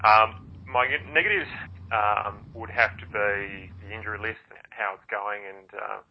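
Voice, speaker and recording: Low Australian man on a phone line. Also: measured pace, gravelly, slight background noise. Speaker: podcast panellist. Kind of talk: sports discussion. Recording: thin phone-line sound.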